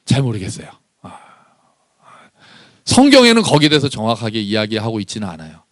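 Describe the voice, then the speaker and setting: Male pastor, lively and fairly high-pitched sermon delivery, dry close sound. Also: dry recording. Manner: animated, acts out anguished prayers with rising voice; asks the congregation questions. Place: church.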